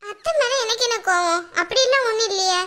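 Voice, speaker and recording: A woman's voice: very high-pitched, quick pace, sharp tone. A woman acting a young wife in a family drama skit, pleading and defending herself. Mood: defensive. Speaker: actor.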